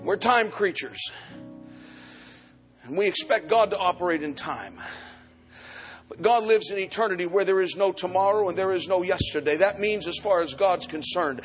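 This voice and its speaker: In a high voice at an ordinary pace, a man in his sixties preaches a live sermon as pastor. Rhythmic repetition carries his delivery until it swells into chanted shouting. Faint music sits beneath a long, echoing hall reverb.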